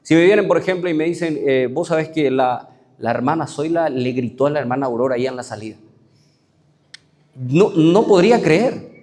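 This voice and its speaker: Paraguayan pastor preaching conversationally. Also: male voice, a little high, expressive, normal speed, a little mellow. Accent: Paraguayan Spanish. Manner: conversational, with rhetorical questions and frequent "¿verdad?". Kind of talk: sermon.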